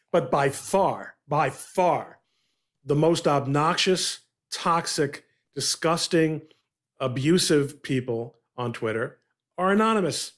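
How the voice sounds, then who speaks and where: A middle-aged man hosting a podcast interview over a video call, speaking in a measured, deliberate way. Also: a little high. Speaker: podcast host. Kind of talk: conversational interview.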